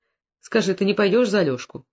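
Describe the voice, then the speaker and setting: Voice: mid-range voice, lively intonation, fairly quick, darkish tone, natural voice. Reader doing timid young village man, pleading, hesitant, dull audiobook. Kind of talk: audiobook dialogue reading. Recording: dull lo-fi recording.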